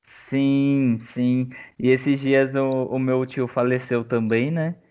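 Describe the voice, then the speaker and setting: A man's voice: mid-range voice, flat delivery, darkish tone, clear, resonant tone. Young man telling a story, tinny phone-like sound. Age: young adult. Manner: emotional, rambling, halting, with many fillers. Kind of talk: casual chat, personal storytelling.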